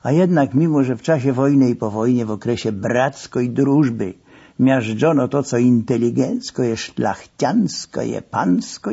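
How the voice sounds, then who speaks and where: A man narrating a story in an expressive, conversational and wry way. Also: mid-range voice, creaky, husky. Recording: dull lo-fi recording.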